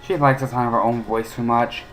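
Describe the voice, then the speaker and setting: A man's voice: mid-range voice, fairly even intonation, fairly quick, faint music behind, lightly acted, low-quality recording. A man voicing a friendly, slightly nervous schoolboy wizard in a game, reading his lines plainly.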